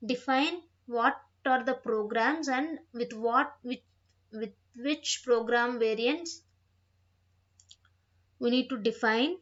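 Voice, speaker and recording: A software trainer with a fairly high-pitched voice walks through a tutorial, reading out each point and repeating phrases while she explains. Her microphone sounds dull and lo-fi.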